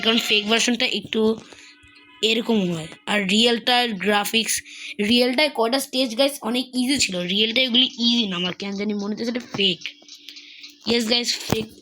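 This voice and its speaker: A woman giving excited gameplay commentary as a gaming YouTuber, repeating words in rapid bursts, with a slightly sore throat. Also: fairly high pitch.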